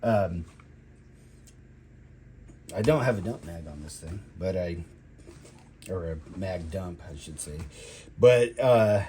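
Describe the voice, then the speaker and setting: A man giving a casual, rambling gear review in a halting way, drawing out his words and trailing off. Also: deep voice, lively intonation, mellow, slight background noise. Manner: halting, drawn-out delivery with trailing phrases. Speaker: product reviewer, military veteran.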